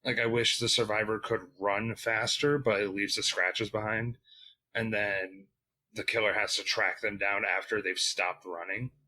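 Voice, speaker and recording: A man's voice: lowish voice, fairly even intonation, unhurried, bright, forceful tone, rough recording. A man co-hosting a gaming podcast, complaining in casual chat, swearing and acting out his reactions. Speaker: podcast co-host.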